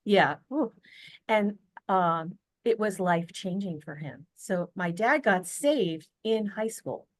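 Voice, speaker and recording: An American woman talks as a podcast guest, earnest and chatty, often restarting her sentences. Her voice sits at an ordinary middle pitch. It comes through a video call with a dry, close sound. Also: animated, takes it slowly, no room sound. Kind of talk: casual storytelling interview.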